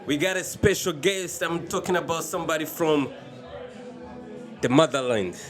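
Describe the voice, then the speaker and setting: Male host, a bit high, casual and halting in his interview questions. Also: over music. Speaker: podcast host. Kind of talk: podcast interview.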